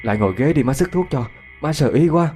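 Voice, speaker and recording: An anxious mother fretting and exclaiming over her child, as a male narrator puts her on. Her voice rises above his usual low pitch and moves in lively swings, with soft music underneath. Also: quick pace, natural voice. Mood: fretful.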